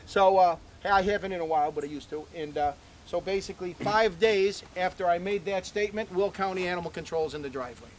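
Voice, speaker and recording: A man gives visitors a tour of his animal ranch outdoors, rattling off chatty stories at a fast clip. His voice sits high for a man, and he keeps checking in with "okay?" as he talks. Faint outdoor noise hums behind him. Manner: folksy, chatty, lots of "okay?" and "uh". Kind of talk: casual storytelling to visitors. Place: outdoors on a ranch near a barn.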